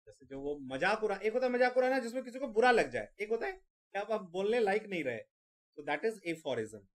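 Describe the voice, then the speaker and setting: A man's voice: high-pitched, big pitch swings. A man teaching vocabulary for an exam, repeating each word several times and spelling it out letter by letter. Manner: repeats words slowly, spells them letter by letter. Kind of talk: exam-prep vocabulary lesson.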